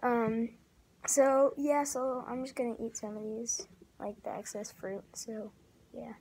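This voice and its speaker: A woman's voice: fairly high pitch, flat delivery, measured pace, warm tone, slight background noise. A young woman hosting her own casual homemade vlog off camera. She rambles and giggles, with lots of likes and ums. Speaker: vlogger. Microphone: off-camera voice, face not shown.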